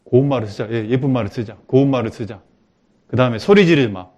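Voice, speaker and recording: Animated preacher acting out everyday quotes. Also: male voice, mid-range voice, quick pace. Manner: lively, acts out quotes with sudden loud bursts. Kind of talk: church teaching talk.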